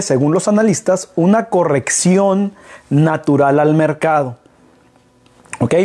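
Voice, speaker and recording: His voice runs a little high and mellow as this middle-aged Mexican man chats about business to camera from an armchair. He's a consultant who explains things while throwing in rhetorical questions, recorded by a camera placed far away.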